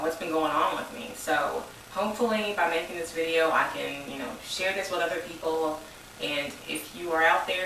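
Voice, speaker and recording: A woman's voice: low voice, bright, forceful tone, distant mic, a little hiss or hum. A woman, rambling in a casual personal vlog. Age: 20s. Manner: rambling, informal, says y'all. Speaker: vlogger. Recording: echoey room, voice a bit off mic.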